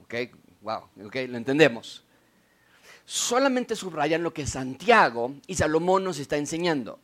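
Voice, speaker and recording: A man's voice: very animated, measured pace. Emphatic pastor, a man preaching. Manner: emphatic, swings between loud declarations and low asides. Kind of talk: sermon. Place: church.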